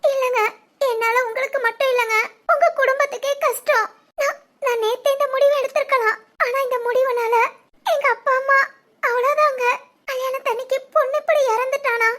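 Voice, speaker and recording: A woman's voice: very high-pitched, fairly even intonation, brisk, a bit bright. A woman voicing a tearful young pregnant bride in a dubbed cartoon drama, stammering through sobbing apologies.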